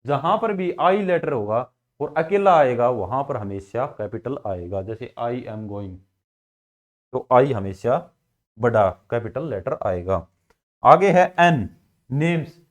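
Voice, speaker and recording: An Indian man with a Haryanvi Hindi accent teaches a school grammar lesson slowly, asking questions and answering them himself. His medium-pitched voice has lively intonation.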